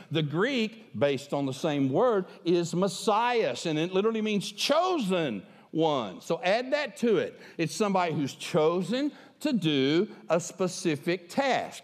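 Older man, pastor, emphatic sermon, high voice, very lively pitch, headset mic, long church-hall reverb. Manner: animated, emphatic preaching with wide gestures. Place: large church stage indoors.

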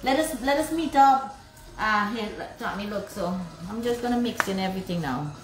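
A woman's voice: medium pitch, lively intonation, normal speed, reverberant, poor audio. Effusive woman hosting a cooking stream. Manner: effusive, greets viewers with "big love". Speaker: cooking vlog host. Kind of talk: live cooking demonstration with viewer shout-outs.

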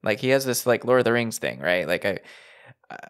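A man's voice: on the low side, big pitch swings, a little fast, fairly bright tone. A man hosting a podcast interview, talking loosely and chattily with lots of filler words. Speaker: podcast host. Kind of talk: casual interview talk.

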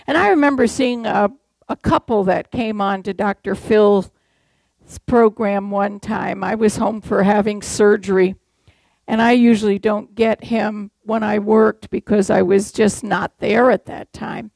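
An older preacher from Massachusetts tells stories from the pulpit and asks the congregation rhetorical questions in a conversational way. Her medium-pitched voice is creaky and darkish, unhurried with fairly even intonation, in a dry, low-quality recording.

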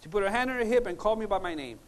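A middle-aged male preacher with a high register tells animated, humorous personal stories in his sermon, punctuated by emphatic pauses and repetition. Originally from Cuba and now from Puerto Rico, he speaks at a lectern on a large conference hall stage via lapel mic, with big, echoing PA sound.

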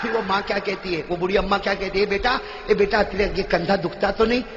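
A man preaching an emotional religious sermon, acting out the story's dialogue and building up to passionate shouts. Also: high voice, fairly even intonation, fast talker, slight background noise. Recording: echoey hall, dull lo-fi sound.

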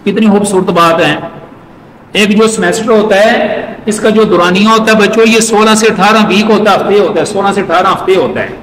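A man teaching an exam-prep class, repeating each point and reading English lines slowly. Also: high-pitched, a bit bright. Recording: echoey hall with faint noise.

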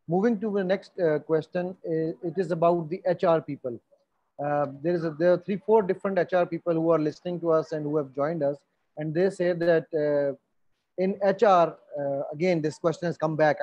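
A man's voice: a little high, warm tone, no room sound, muffled recording. A man in his thirties hosting an interview over a video call, asking long questions with many hesitations. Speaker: host. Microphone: webcam on video call.

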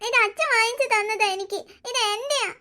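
A woman's voice: very high-pitched, a little fast, pushed and bright. A woman voicing a timid little boy in a cartoon story, pleading and whimpering tearfully.

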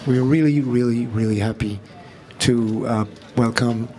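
Halting English-speaking male moderator. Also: mid-range voice, dark tone. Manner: halting, repeats words, non-native phrasing. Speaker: host, moderator. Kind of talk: event introduction and questions. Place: outdoor terrace before a small audience.

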